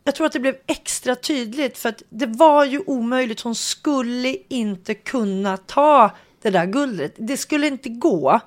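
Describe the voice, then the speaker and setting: A middle-aged woman co-hosting a casual chat, emotional and excitable, laughing easily. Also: a little high, few pauses. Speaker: co-host.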